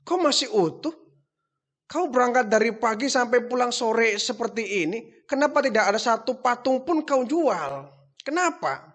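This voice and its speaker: A man's voice: extremely high pitch, very animated, normal speed, a bit bright, voice pushed up, full character voice. A male preacher voicing an older father, an idol-maker, who scolds his son with exasperated questions. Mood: exasperated scolding.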